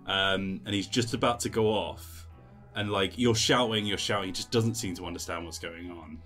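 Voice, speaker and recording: A man's voice: sits low, fairly even intonation, normal speed, a bit bright, soft background music. A man narrating as game master in a tabletop game, loose and full of fillers.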